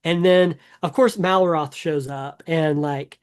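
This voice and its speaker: A man's voice: a little high, steady tone, takes it slowly, clear, resonant tone. A man co-hosting a casual gaming podcast, talking in an enthusiastic, rambling way with many fillers and restarts. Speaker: podcast co-host.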